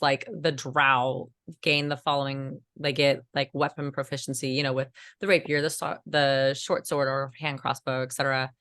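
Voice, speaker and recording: A woman with a low voice, still getting over a cold, chats casually as a co-host. She rambles through fillers and restarts with the odd giggle. The sound is dry and close. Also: a bit bright, no room sound. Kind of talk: casual chat.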